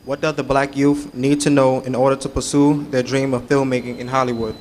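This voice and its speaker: A man's voice: medium pitch, level tone, fairly quick, darkish tone, a little hiss or hum. A man from the audience introducing himself and asking the panel a question formally.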